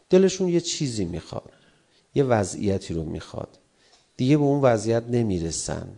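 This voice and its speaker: A man's voice: medium pitch, vocal fry, dark tone. A middle-aged man, a cleric, giving a sermon about love and anger, acting out quarrelling spouses in raised voices.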